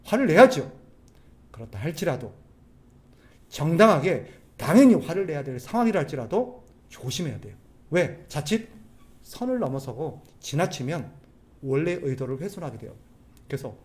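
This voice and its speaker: A man preaching a sermon as a pastor, animated, putting rhetorical questions to the congregation. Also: fairly high pitch, moderate pace, long pauses. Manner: acts out quoted people's voices.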